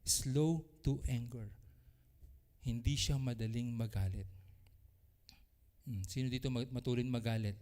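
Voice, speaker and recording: A man preaching a sermon as pastor, animated, swinging between loud exclamations and soft asides. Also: mid-range voice, measured pace, long pauses. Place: church. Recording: church hall with long reverb.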